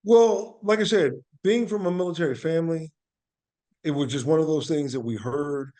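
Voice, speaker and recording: An actor and playwright, appearing as a guest on a conversational podcast, talks in a warm, somewhat high voice at normal speed. He tells things earnestly and reflectively, repeating phrases for emphasis.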